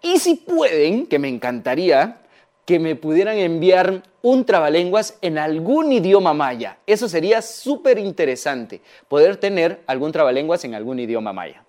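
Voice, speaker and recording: A man telling stories to children, his voice high and full of swoops as he explains things slowly and clearly. He talks straight to the kids, coaxing them to join in. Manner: animated, slow and clear, addresses children directly. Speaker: storyteller. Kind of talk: children's storytelling lesson.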